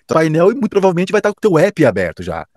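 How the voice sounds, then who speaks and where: A man's voice: on the high side, wildly swooping pitch, rapid-fire, darkish tone, no echo. A man with a Brazilian accent, a professional announcer, answering interview questions with enthusiasm and emphasis, often restarting his sentences. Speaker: professional announcer and radio director.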